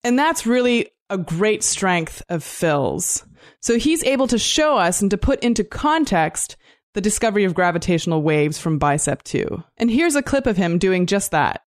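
A woman co-hosting a science podcast, introducing a topic in a measured, explanatory way. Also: mid-range voice, sing-song. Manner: measured and explanatory, with some "um" fillers. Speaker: podcast co-host.

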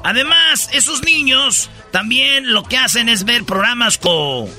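A man, an animated comedian telling a bit with lots of slang. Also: very high voice, measured pace, faint music behind. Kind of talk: comedy sketch chat.

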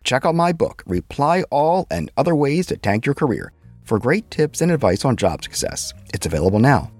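A man's voice: big pitch swings, moderate pace, darkish tone, faint music behind. A man hosting a scripted etiquette advice podcast, wry and playful, voice leaping up for emphasis. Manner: wry, playful delivery with sudden jumps in pitch.

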